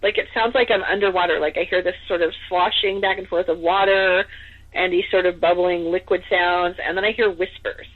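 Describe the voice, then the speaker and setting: A woman's voice: lowish voice, steady tone, a little fast. Chatty woman over a tinny phone-like line. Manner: chatty, full of "like" and "you know". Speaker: podcast guest. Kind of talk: casual storytelling.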